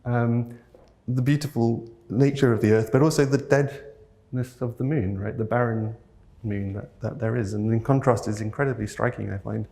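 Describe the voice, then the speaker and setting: Before a live audience, a North Wales man delivers a thoughtful keynote at a conference, his mid-range voice steady, at normal speed, with some vocal fry. Earnest and quietly enthusiastic, he pauses hesitantly now and then to find the right words.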